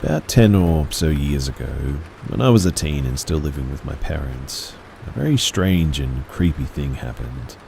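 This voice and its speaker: Deep male horror narrator, measured and hushed delivery. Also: expressive, gravelly, slight background noise, low-quality recording.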